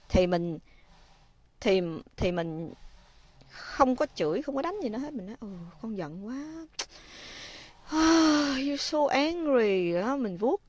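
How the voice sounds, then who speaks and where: Expressive woman host. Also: medium pitch, no echo. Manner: expressive, addresses viewers often, gentle when advising. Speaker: livestream host. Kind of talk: casual livestream talk to viewers.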